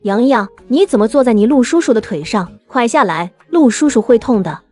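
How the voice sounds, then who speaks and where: A woman's voice: fairly high pitch, expressive, fairly quick, dark tone, faint music behind, close to an everyday voice. A woman playing a fussing mother. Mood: concerned. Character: caring mother, the boy's mother.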